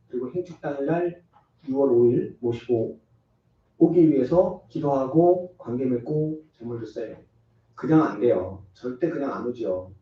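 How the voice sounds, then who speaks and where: A man's voice: a little high, warm tone. A male pastor giving an earnest, emphatic sermon, acting out little quoted exchanges as he goes. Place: church sanctuary. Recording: echoey church hall from far off, dull sound.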